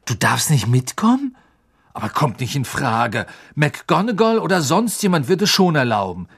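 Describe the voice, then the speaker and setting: A man voicing an excitable teenage schoolboy, eager and outspoken. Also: on the high side, moderate pace, gravelly, husky, voice pushed up, exaggerated voice.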